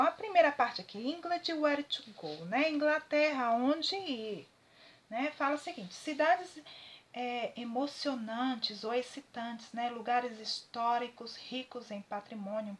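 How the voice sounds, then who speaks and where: A woman from Brazil teaches an English lesson in a high, clear voice. She talks her students through a text line by line, stopping often with little checking questions. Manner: didactic, frequent tag questions. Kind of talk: classroom lesson, translating a text.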